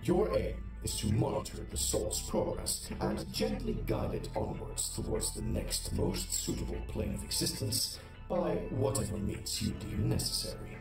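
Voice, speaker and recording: A calm, formal robot administrator, as a man plays him in a game, his processed voice swimming in heavy echo and set far back. The speech is measured and instructive, gravelly at the edges, and rises and falls widely. Game music plays under it. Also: fairly high pitch. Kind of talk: game voice acting.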